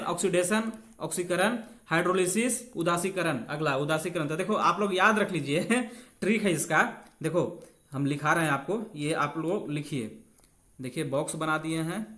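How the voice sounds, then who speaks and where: With a high, fairly bright voice, a physics teacher explains exam questions step by step in a friendly, informal way. He repeats key phrases and drops English technical words into his Hindi.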